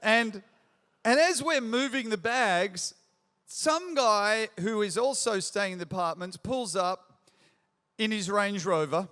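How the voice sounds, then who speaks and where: High, bright-voiced pastor in a reverberant hall. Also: male voice. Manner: storytelling, self-deprecating humor, rising to emphatic questions. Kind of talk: sermon. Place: large church auditorium.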